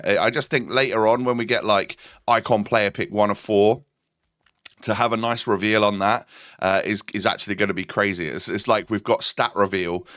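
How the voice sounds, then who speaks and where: A man's voice: lowish voice, a bit bright, clear, resonant tone, dry recording, clean studio sound. A man with a stuffy nose from an oncoming cold, giving chatty gameplay commentary as host of his gaming channel, with frequent ums and repeated words.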